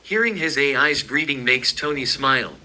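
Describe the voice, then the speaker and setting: Bright-toned male story narrator. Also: mid-range voice, animated, normal speed, rough recording. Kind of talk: scripted narration.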